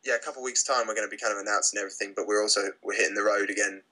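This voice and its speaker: A young British man, a rock band's lead singer, answering interview questions in a relaxed way with many fillers and restarts. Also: on the low side, very fast, poor audio. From Britain. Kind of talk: casual interview.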